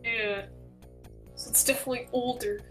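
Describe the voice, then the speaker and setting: A woman's voice: on the high side, steady tone, normal speed, a bit bright, soft background music. A woman chatting casually on a game stream, giggling and tossing in joking asides. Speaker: streamer co-host. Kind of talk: casual gameplay chat.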